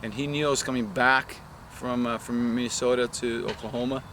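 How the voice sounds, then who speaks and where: A man's voice: medium pitch, steady tone, brisk. A man from Brazil, a soccer coach, talking casually in an interview and rambling with many restarts. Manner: rambling, many restarts and "you know" fillers. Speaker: head women's soccer coach. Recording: outdoor recording with loud traffic noise.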